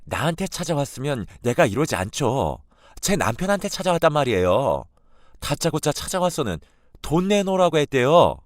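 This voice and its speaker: A man's voice: on the high side, big pitch swings, normal speed, no echo, clean studio sound, voice pushed up. A man voicing an upset, indignant young married woman in a radio drama. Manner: pleading, then sharply indignant.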